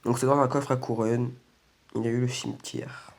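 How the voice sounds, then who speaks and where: Talking a little fast with a flat delivery, this medium-pitched man commentates casually on a game he's hosting a video about. His voice is weak, congested and slightly croaky, strained by a sore throat.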